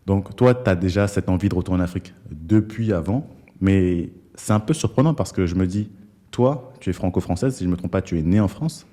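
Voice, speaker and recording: A young man with a low, dark, mellow voice hosts a relaxed interview. He talks in a casual, searching way, often pausing on fillers and repeating words as he builds his questions. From Togo. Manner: hesitant, many fillers and restarts. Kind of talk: conversational interview.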